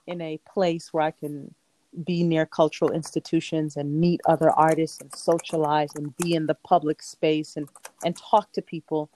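A poet and performing artist from Queens, New York, speaks as a guest in a casual interview, her low-pitched voice dark in tone and captured in a dry recording. She's reflective, tends to ramble a bit, and laughs often.

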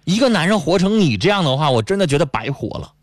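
A man's voice: a little high, very animated, fast, no echo, studio quality. A man hosting a radio call-in advice show, bluntly scolding and lecturing callers. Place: radio studio.

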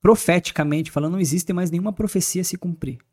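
Brazilian guy on a podcast rattling off bible stories super fast, kinda high voice. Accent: Brazilian Portuguese. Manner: fast, animated storytelling. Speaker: podcast guest. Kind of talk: casual podcast talk on faith.

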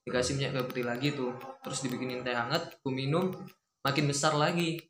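A young man telling a ghost story from his childhood in a quiet, rambling, casual way, acting out what his family said. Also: medium pitch, fairly even intonation, quick pace. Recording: echoey room with faint noise.

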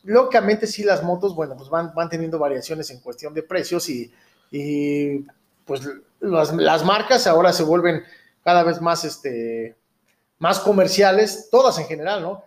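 Mexican guy in his 30s, pretty high voice, slangy podcast host, rambles and keeps asking for agreement. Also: animated, a little slow. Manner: rambling, keeps seeking agreement with tag questions. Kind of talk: casual street-slang chat.

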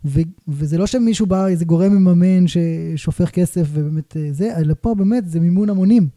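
A male podcast host with a slightly high but very dark voice. He thinks aloud in long, winding sentences during a casual interview, recorded dry and close to the mic. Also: no room sound.

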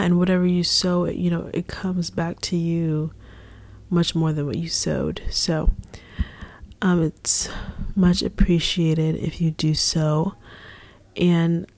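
A young woman leading a casual devotional talk for her ministry, earnest and repetitive, often dropping into a soft whispery delivery. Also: fairly low pitch, no echo. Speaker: ministry leader.

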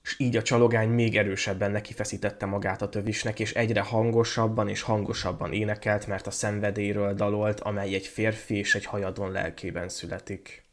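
Brief: male podcast host, storybook narration, measured and lyrical, lower pitch. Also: level tone. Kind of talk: storybook reading aloud.

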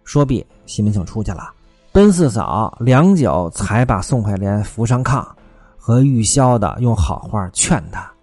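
A man narrating a classic tale in traditional storytelling style, lively and with wry asides. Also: on the low side, measured pace, dry recording, soft background music.

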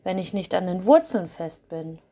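A woman voicing a gentle, timid young fir tree that speaks softly and apologetically in a storybook. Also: on the low side, lively intonation, moderate pace. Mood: worried. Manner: soft, apologetic.

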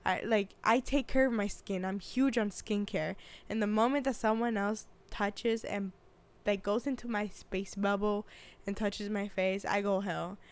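A woman's voice: medium pitch, a little slow, smooth. A woman in her twenties telling a story in casual chat, acting out what people said and laughing often. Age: 20s. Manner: animated storytelling, acts out quotes, laughs often. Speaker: vlogger.

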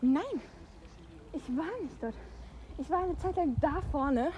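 A woman's voice: high voice, a little slow, warm tone. A teenage girl chatting casually with a friend in a park and talking to her viewers, breathless and argumentative. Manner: breathless, arguing and addressing viewers. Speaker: vlogger. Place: outdoors in a park. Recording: phone recording with park noise.

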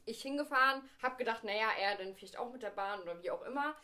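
A woman's voice: a little high, lively intonation, fast, sharp tone. A young woman in a casual podcast chat who giggles a lot while telling a dating story. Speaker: podcast co-host.

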